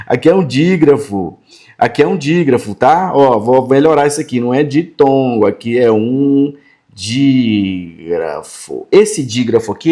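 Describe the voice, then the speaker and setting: Brazilian teacher who checks in constantly. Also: male voice, mid-range voice, darkish tone. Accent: Brazilian Portuguese. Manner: friendly, checks in often with quick tags like "fechou?" and "tá?"; sounds out words slowly and repeats them for emphasis. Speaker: Portuguese teacher. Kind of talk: explanatory grammar lesson.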